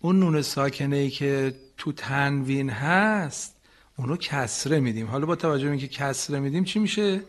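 This mid-range male voice belongs to a radio teacher of Quran recitation. Patient with his students' mistakes, he demonstrates phrases at a slow pace and sometimes chants them.

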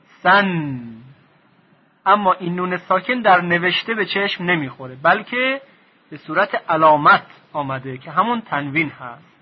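A man teaching a recorded lesson on Quran recitation, speaking slowly, repeating his definitions and drilling sounds aloud. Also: sits high, expressive, husky, muffled recording.

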